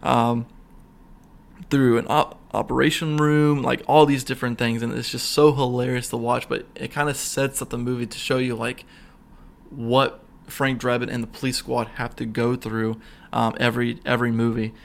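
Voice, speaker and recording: Hosting a podcast, a man with a creaky mid-range voice and level tone talks at a moderate pace about comedy movies. He rambles, restarting and filling pauses, and chuckles while he retells the scenes.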